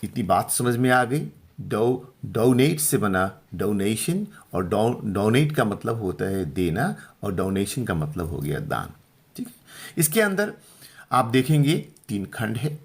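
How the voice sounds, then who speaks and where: A man's voice: fairly low pitch, very animated. A middle-aged man teaching pronunciation, patiently repeating each word and checking that listeners follow. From India. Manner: slow, patient, repeats words and asks if clear. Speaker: English teacher. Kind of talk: Hindi-language pronunciation lesson.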